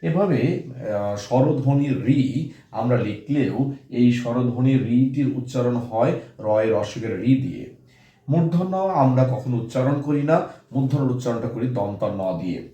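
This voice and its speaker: A man's voice: medium pitch, normal speed, warm tone, roomy sound. A male teacher giving a lesson to students, explaining step by step and saying example words aloud several times. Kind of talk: classroom lesson on pronunciation.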